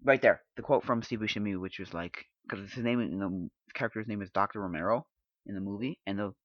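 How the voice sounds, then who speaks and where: A man hosting a podcast in casual chat, rambling and halting as he thinks aloud. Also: lowish voice, no echo. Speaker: podcast host. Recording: dull lo-fi dry sound.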